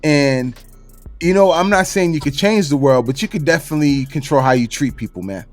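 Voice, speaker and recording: A man's voice: a little high, lively intonation, a little fast, soft background music. Laid-back man hosting a podcast. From Florida. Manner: laid-back, talks through a list with slang and fillers. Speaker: podcast host. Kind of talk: casual podcast chat.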